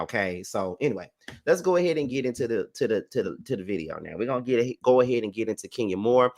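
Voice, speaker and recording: A man's voice: fairly low pitch, fairly bright tone. Sassy American man hosting a livestream. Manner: sassy, chatty, slangy. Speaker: host of reality TV reaction show. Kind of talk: casual livestream commentary.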